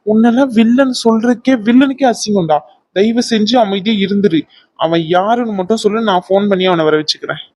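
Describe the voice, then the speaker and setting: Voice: mid-range voice, brisk, a little mellow, lightly acted. A performer voicing a captured villain in a cartoon, a boastful man turned whiny coward who grumbles and pleads comically.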